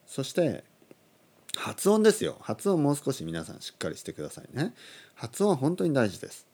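A man in his thirties teaching on a casual podcast, animated, chuckling, and correcting his own phrasing aloud. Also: medium pitch, moderate pace, husky. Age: 30s. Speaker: Japanese language teacher, podcast host.

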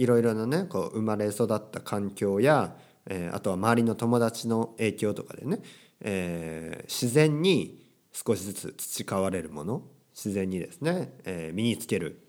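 A young man teaching casually, with playful quotes of characters and phrases. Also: fairly low pitch. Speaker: Japanese teacher. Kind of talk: casual language lesson.

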